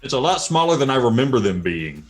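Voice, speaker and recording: A man's voice: medium pitch, very animated, fast, faint music behind. A young man co-hosting a gaming podcast, wry and laid-back as he jokes around. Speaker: podcast co-host. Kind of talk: casual podcast banter.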